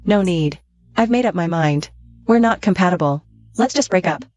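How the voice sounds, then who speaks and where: A woman's voice: fairly low pitch, expressive, moderate pace, a little mellow, highs cut off, lightly acted. A woman acting a principled, guarded young mother in a screen drama, speaking with restraint. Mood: firm, cold. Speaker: female lead in a drama.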